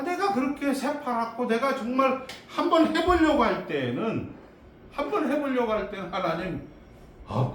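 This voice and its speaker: A man's voice: mid-range voice, roomy sound, distant mic, a little hiss or hum. A man voicing a frustrated aging Moses who mutters questions to himself and grumbles. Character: frustrated aging man (Moses) brooding over wasted years.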